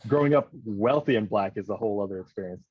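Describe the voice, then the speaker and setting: A man in casual podcast chat, talking in an animated, rambling way with many restarts. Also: on the low side, fast talker, slightly rough, no echo. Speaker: podcast co-host. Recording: dull lo-fi dry sound.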